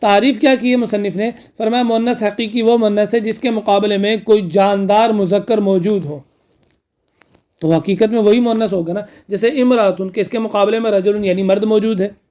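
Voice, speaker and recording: A teacher explains grammar rules in a steady classroom lecture. Key terms are said twice. The teacher asks the class a question, then answers it, and often checks in with a quick filler. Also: medium pitch.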